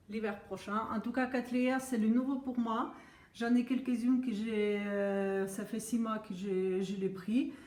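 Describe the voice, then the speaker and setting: A woman who is not a native French speaker gives a casual tour of her houseplants on her home veranda, pausing often with fillers. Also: a little high, darkish tone. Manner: hesitant, many filler pauses. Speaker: plant vlogger. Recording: roomy echo.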